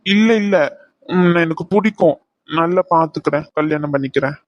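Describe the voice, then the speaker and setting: A woman's voice: deep voice, fairly quick, no room sound, lo-fi sound, natural voice. A woman voicing a timid, naive young man who gives short, hesitant replies in a cartoon. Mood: pleading. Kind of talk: cartoon voice acting.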